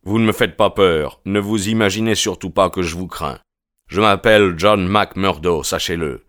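A man's voice: sits low, normal speed, fairly bright tone, no echo, clean studio sound. A man voicing a hot-tempered young male stranger in a storybook reading, with curt, growling defiance. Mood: defiant.

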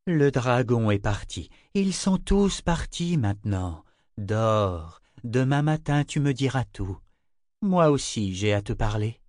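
A man's voice: medium pitch, measured pace, a little mellow, no room sound, clean studio sound, lightly acted. A man voicing a tired, stern mother who speaks curtly and then soothingly to her drunk son.

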